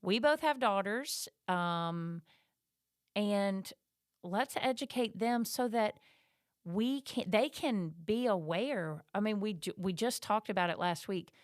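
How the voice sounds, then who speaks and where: A woman's voice: medium pitch, lively intonation, slow pace, dry recording, clean studio sound. A middle-aged woman co-hosting a podcast, talking in a chatty, emphatic way. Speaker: podcast co-host. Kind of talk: casual podcast chat.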